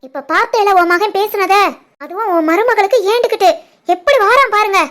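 A woman voicing a scheming young village woman in an animated family drama, complaining and insistent, with a southern Tamil Nadu village dialect. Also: very high-pitched, a little fast. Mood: mocking. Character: sharp-tongued scheming young village woman, sister-in-law.

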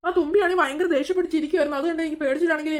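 A woman's voice: sits high, fairly even intonation, lightly acted. A woman voicing a flustered, complaining husband in a cartoon. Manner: complaining, hurried.

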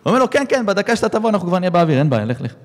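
A man, a rabbi telling a story in a sermon and acting out its dialogue with lively swings in voice. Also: high-pitched. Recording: long hall reverb.

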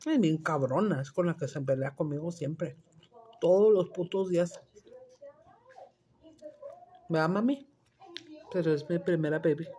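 Crude, brash woman vlogger. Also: fairly low pitch. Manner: loud, crude, swears freely, switches between Spanish and English. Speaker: mukbang cooking vlogger. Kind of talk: casual chat while cooking and eating.

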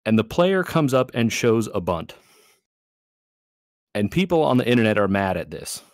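A man with a very deep voice hosts a casual podcast chat. He rambles through stories in a loose, easygoing way, full of fillers. The sound is dry and close. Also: sing-song, normal speed, a little mellow, no room sound. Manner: rambling, laid-back storytelling with fillers and laughs. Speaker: podcast host.

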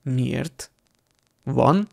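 A man's voice: mid-range voice, lively intonation, gravelly, mellow. A man voicing a weary, reluctant teenage boy wizard who answers in a tired, grudging way.

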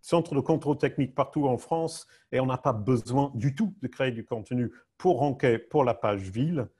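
A man's voice: mid-range voice, moderate pace, dark tone, breathy edge. A man hosting a web seminar, moderating questions with a playful, joking manner over a video call. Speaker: webinar host. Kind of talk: moderating a panel Q&A.

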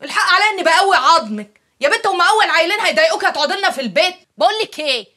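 A woman's voice: very high voice, expressive, very fast, pushed and bright, heavily acted. An actress playing a tough streetwise woman who scolds brashly, with an Egyptian accent. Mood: scolding.

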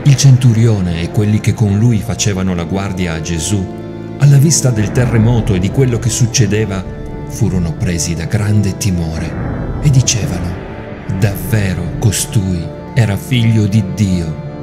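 A priest giving a measured, solemn liturgical scripture reading. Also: male voice, low voice. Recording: music playing underneath.

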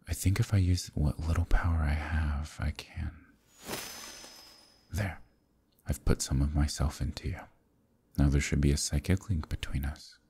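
A voice actor plays an ancient, imprisoned eldritch villain in an ASMR roleplay, seductive yet lonely. His deep, breathy voice is mellow and heavily acted, with an intimate, teasing manner.

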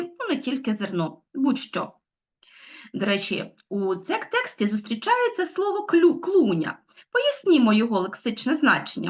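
A woman's voice: a little high, breathy edge. Middle-aged woman, schoolteacher, questioning her class, muffled lo-fi sound. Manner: explains step by step, asks pupils questions. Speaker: teacher. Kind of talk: recorded online lesson. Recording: dull lo-fi sound.

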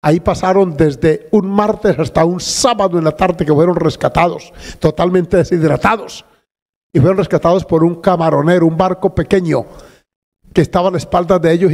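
Older male preacher, high-pitched and fervent, church hall reverb. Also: a little mellow. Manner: fervent, exclamatory, interjects hallelujahs. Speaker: pastor. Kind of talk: sermon. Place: church sanctuary.

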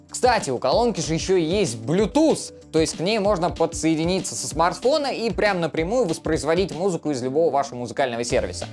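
Young male tech reviewer, lively swinging intonation, casual delivery, music underneath. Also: a little high. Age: young adult. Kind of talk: casual gadget review to camera. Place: small furnished room indoors. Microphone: clip-on lapel mic.

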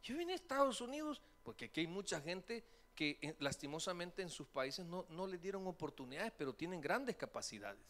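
This man's voice is a little high, with a moderate pace and few pauses, as he preaches as pastor in a church sanctuary. The sermon is lively and animated, with him acting out quoted voices and joking with the congregation.

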